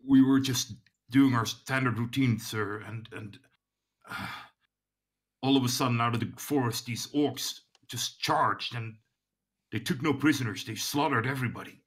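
A man's voice: medium pitch, slow pace, pauses often, fairly bright tone, slightly rough. A shaken young town guard who stammers, halts and repeats his words, as a game master voices him in a tabletop adventure. His voice sits a little above the narrator's usual tone.

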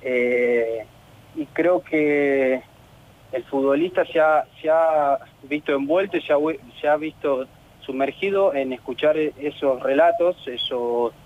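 A man with an Argentine Spanish accent, a professional footballer in a radio interview, talking in an earnest, frustrated way with many halting restarts. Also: fairly high pitch, a little hiss or hum. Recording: phone line on radio.

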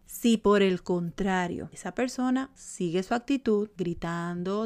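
Calm woman giving self-help advice. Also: medium pitch. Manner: calm, measured, addresses listener directly with frequent "¿verdad?". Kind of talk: motivational talk to camera.

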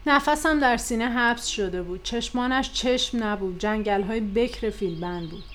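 A woman narrating a comedy audio drama in a lively, expressive storytelling manner. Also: fairly high pitch, heavy background noise. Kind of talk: scripted comic narration.

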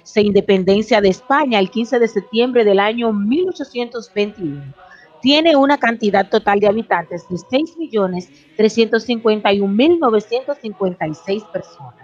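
A woman's voice: medium pitch, expressive, moderate pace, darkish tone, faint music behind. A woman co-hosting a show, presenting facts about countries and laughing easily at her partner's jokes. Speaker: radio co-host. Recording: dry, dull lo-fi sound.

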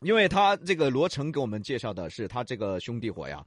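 Animated Sichuan-accented man hosting a prank show. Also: medium pitch, fast talker, dry recording, clean studio sound. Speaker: prank-call show host. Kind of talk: casual, jokey radio banter.

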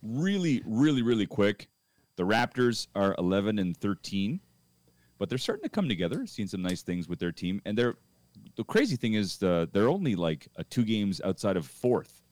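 A man's voice: on the low side, big pitch swings, normal speed, a little mellow, dry recording. A middle-aged man hosting a podcast, telling a rambling anecdote in a casual way with many restarts. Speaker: podcast host.

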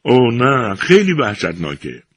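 A man's voice: low-pitched, big pitch swings, creaky, fairly bright tone, breathy edge, full character voice. A man voicing a desperate young woman calling out tearfully to her fiancé. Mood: pleading. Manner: pleading cries.

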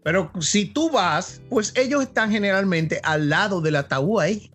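A co-host in casual chat, blunt and animated, acting out little scenes. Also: medium pitch, moderate pace, breathy edge, soft background music.

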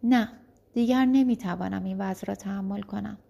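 A woman's voice: mid-range voice, gravelly, dark tone. A woman voicing a bitter, defiant young enslaved man. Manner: angry, bitter protest.

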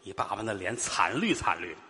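A man with a Beijing accent performing crosstalk comedy on a stage, spinning a deadpan story and drawling out his punchlines. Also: on the low side, fairly quick. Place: theater stage. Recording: stage performance in a reverberant hall.

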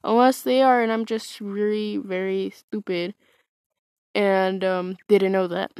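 A woman's voice: mid-range voice, fairly even intonation, unhurried, a little mellow, clear, resonant tone, no room sound, clean studio sound. A woman casually telling a personal story, hesitant and wry, full of fillers and restarts. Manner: wry, self-mocking.

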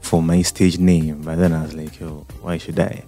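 A man from Uganda, a singer-songwriter guest on a radio interview, relaxed and hesitant with many ums. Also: extremely low pitch, moderate pace, soft background music.

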